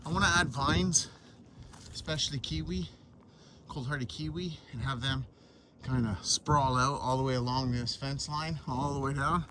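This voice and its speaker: A man walking around his garden and pond outdoors, a little out of breath, talking in a rambling, relaxed way with many fillers while filming. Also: medium pitch, a little hiss or hum. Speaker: permaculture vlogger. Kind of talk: casual walk-and-talk vlog.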